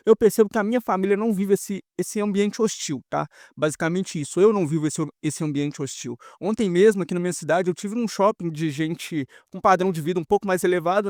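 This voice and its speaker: A Brazilian man commenting casually over a video he plays, talking quickly and often tagging his sentences with "tá?". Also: sits high, a little mellow, dry recording, clean studio sound. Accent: Brazilian Portuguese. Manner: rapid, conversational, tags sentences with a questioning "tá?".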